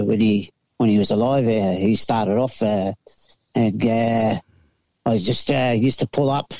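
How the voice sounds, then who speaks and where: An older man speaks with an Australian accent in a dry, close sound. His pitch is ordinary for a man, and he answers casually in a laconic, halting drawl, as a guest in an interview. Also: darkish tone, no room sound, low-quality recording. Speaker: racing pigeon fancier, interview guest.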